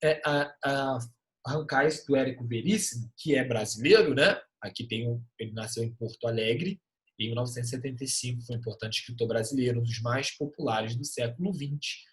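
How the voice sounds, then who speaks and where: A young adult man with a Brazilian Portuguese accent, teaching an online literature class in a lively, joking way and reading short poems aloud. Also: mid-range voice, a little fast.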